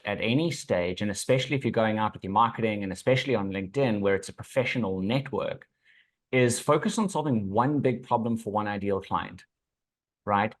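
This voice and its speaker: A man with a South African accent speaks in a fairly low voice. He sounds like an assured consultant on a podcast, explaining things conversationally and checking that the listener follows. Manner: assured, instructive, checks in with "right". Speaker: business consultant, podcast guest. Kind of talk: conversational advice.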